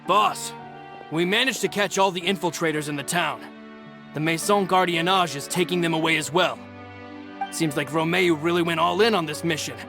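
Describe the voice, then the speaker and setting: A man's voice: a little high, moderate pace, music in the background, lightly acted. An actor playing a loyal, respectful male subordinate in a video game, earnest and deferential. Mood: reporting, reassuring. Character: loyal, respectful young male henchman reporting to boss.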